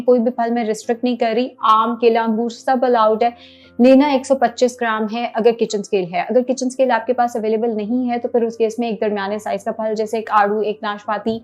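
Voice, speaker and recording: A woman's voice: on the high side, a little mellow. A woman giving plain, step-by-step diet instructions, with English words mixed in. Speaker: diet planner.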